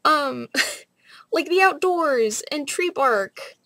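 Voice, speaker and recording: A young adult woman rambling casually in a vlog, with an animated, sardonic manner. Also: high voice, very slow, no room sound. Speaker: vlogger. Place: small bright room at home, indoors.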